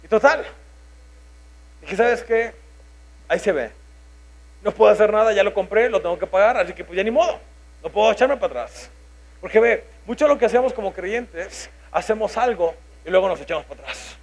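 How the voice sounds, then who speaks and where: In a brisk, high-pitched, creaky voice with frequent pauses, a Mexican-accented man in his thirties preaches a sermon. He tells a personal story animatedly, acting out his own inner thoughts.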